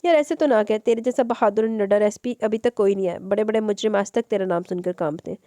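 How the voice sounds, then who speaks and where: A woman's voice: medium pitch, fast, dark tone, no echo, close to an everyday voice. A woman reading the lines of a loyal male friend in an audiobook, urging him on earnestly. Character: young adult man, loyal, pleading friend.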